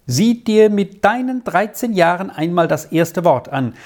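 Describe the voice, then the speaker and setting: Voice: medium pitch, animated, a little slow, a little mellow, pitched above the performer's own voice, close to an everyday voice. A reader voicing a stern, scolding headmaster. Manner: scolding, indignant, lecturing. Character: stern, pedantic male school headmaster. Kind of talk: audiobook reading of a letter.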